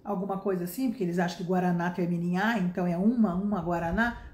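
A woman's voice: lowish voice, fairly even intonation, very fast, warm tone. Woman, fifties, Brazilian accent, English teacher, chatty, emphatic, echoey room. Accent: Brazilian Portuguese. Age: 50s. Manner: chatty, frequent tag questions, emphatic. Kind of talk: casual spoken lesson.

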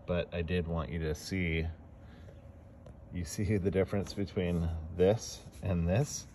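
Deep-voiced guy walking through a dent repair outside on his phone, slow and easygoing, bit of faint noise. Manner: relaxed, explanatory, talks between tasks. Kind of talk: casual how-to narration while working. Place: outdoors in a parking lot beside a car.

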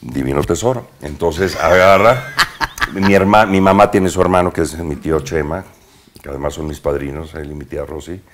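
A man with a Mexican accent, an actor telling animated anecdotes from his youth as a guest in a casual interview, using slang and sound words. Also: rumbling low, moderate pace, a little hiss or hum. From Mexico, Veracruz.

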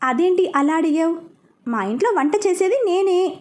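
A woman's voice: extremely high pitch, expressive, normal speed, darkish tone. A woman voicing a frank, irritable young bride complaining on the phone. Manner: complaining, exasperated.

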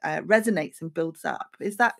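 A woman's voice: low voice, normal speed, gravelly. A woman interviewing on a podcast, circling through hesitant repetitions as she talks. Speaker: podcast interviewer, landscape architect. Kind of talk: conversational podcast talk.

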